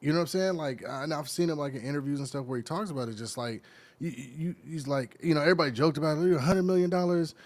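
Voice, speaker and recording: A man's voice: fairly high pitch, very fast. A man co-hosting a podcast in loose, casual chat, with an American accent, talking with lots of fillers and laughing often. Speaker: podcast co-host.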